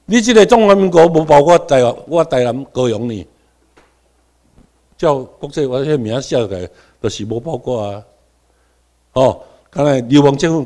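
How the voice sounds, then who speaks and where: A middle-aged Taiwanese man lectures a class at a medium pitch and moderate pace, his intonation lively. He slips in quiet asides, suddenly hits certain words loudly, and has the students repeat terms back to him.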